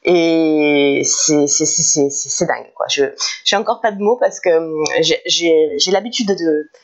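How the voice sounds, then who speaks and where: A woman's voice: sits low, a little slow. A woman talking casually to camera in a car detailing vlog, hesitant, with many fillers and restarts, often laughing. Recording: dull lo-fi recording.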